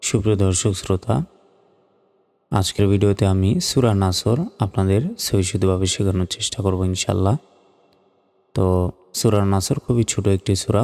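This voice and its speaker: A man with a Bangladeshi accent teaching Quran reading step by step, spelling out letters and vowel marks and then reciting each word slowly and drawn out. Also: low voice, vocal fry, dark tone, big-room sound.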